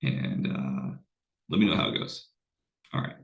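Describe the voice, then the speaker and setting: A man's voice: extremely low pitch, unhurried, vocal fry, lo-fi sound. A man, a college English instructor, giving a casual recorded online lecture while unwell, rambling with fillers and restarts. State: unwell, voice sounds off.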